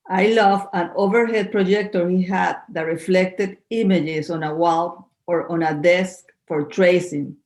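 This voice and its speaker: With a lowish, slightly mellow voice, this podcast guest responds to interview questions earnestly and a little formally. She is in her fifties, from Venezuela, and speaks Spanish as her first language.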